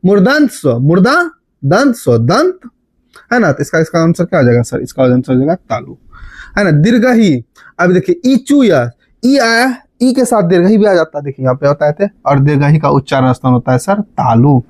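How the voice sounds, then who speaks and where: A man's voice: a little high, brisk, no room sound. A man teaching a grammar lesson, quizzing students and chanting memory formulas in a sing-song way. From Bihar, India. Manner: lively, repeats key terms, quizzes students with "बात समझ रहे हैं?".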